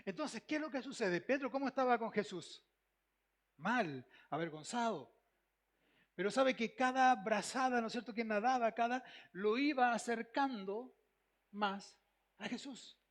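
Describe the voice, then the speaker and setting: Pastor chileno predicando, voz aguda, repite todo y pregunta a la gente. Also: male voice, very high-pitched, animated, a little slow. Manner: emphatic, repeats phrases, asks the congregation questions. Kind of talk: sermon.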